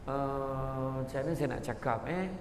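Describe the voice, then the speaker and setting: A bashful young bride stammers and trips over her words, as a male preacher puts her on. The voice stays fairly low and soft, and it carries a long echo, as if from a big hall. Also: background noise, natural voice. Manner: stammering, halting. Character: shy young bride of an old man, hesitant. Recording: echoey hall.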